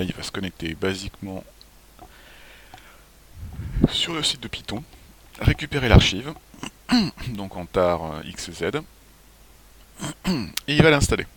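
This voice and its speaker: A man presenting a software tutorial as a screencast walkthrough, relaxed, often clearing his throat and restarting phrases. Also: low voice. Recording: faint hiss.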